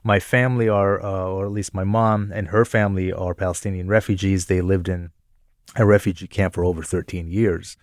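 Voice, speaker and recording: Low-voiced man telling stories on radio. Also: level tone, brisk, dry recording, clean studio sound. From Jordan. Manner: thoughtful, self-reflective, laughs easily. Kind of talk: conversational radio chat, telling personal stories.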